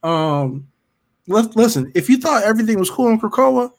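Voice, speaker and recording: Animated, high-pitched man with frat-bro banter. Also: normal speed. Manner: animated, playful riffing. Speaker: podcast co-host. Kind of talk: casual comedic chat about comic books.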